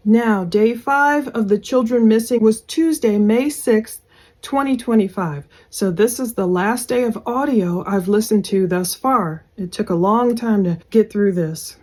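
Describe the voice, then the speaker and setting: Female podcast host, voice on the higher side, casual true crime commentary, thinking out loud. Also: a little slow.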